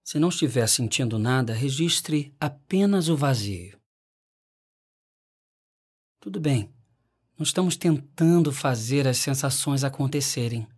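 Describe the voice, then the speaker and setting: A man narrating a scripted guided meditation in a calm, unhurried way with long pauses. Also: medium pitch, husky.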